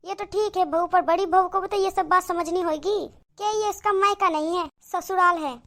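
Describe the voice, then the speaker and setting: A woman voicing a doting old village mother-in-law in a cartoon moral story, speaking slowly in a thin voice. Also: extremely high pitch, steady tone, a bit bright. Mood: scolding.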